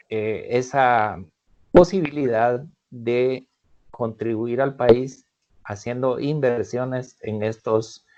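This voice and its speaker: A man gives a formal, deliberate lecture over a video call. The connection is choppy and keeps breaking up. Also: mid-range voice, a little mellow. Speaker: webinar presenter on tax. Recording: muffled lo-fi video call audio.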